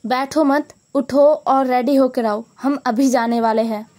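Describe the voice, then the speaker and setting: A woman's voice: high-pitched, steady tone, unhurried, darkish tone. Woman doing a firm, caring old granny. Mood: insistent. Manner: insistent, scolding out of concern. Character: elderly grandmother, caring and firm.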